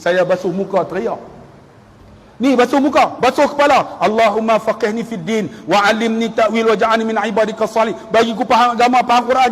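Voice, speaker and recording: A man in his fifties from Malaysia giving a lively religious lecture, telling stories, acting out quotes and moving between hushed and loud delivery. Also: very high-pitched. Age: 50s. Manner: animated storytelling, swings from hushed to loud, acts out quotes. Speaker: preacher. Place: large hall or mosque. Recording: long hall reverb.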